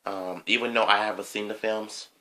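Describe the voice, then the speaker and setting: A man giving an unscripted opinion monologue on his video channel, hesitant, with frequent pauses, ums and throat clearing. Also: on the low side, fairly even intonation, sharp tone. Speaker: vlogger.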